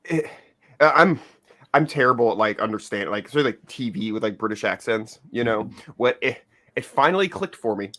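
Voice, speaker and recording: A man's voice: medium pitch, moderate pace. A man co-hosting a podcast, rambling through casual chat with lots of fillers. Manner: rambling, animated, filler-heavy. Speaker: podcast co-host.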